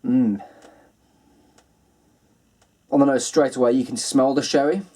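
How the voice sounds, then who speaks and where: Man, casual talk, relaxed, many fillers, medium pitch, tasting notes. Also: measured pace. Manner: relaxed and chatty, many ums and kinds of. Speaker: whisky reviewer, host. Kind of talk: casual video review.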